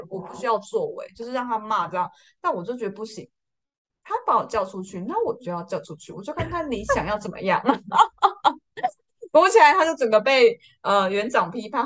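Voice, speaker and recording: A young woman with a Taiwanese Mandarin accent, telling a story as a guest in a casual chat and acting out the quotes with lively swings in her voice. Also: fast talker. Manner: lively, acts out quotes with big pitch jumps, laughs often. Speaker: podcast guest.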